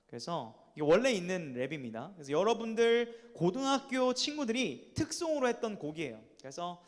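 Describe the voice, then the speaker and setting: A man preaching a sermon to high school students, leading them in call-and-response and having them repeat lines after him. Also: sing-song, a little fast. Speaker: youth pastor. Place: church sanctuary. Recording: echoey church hall with long reverb.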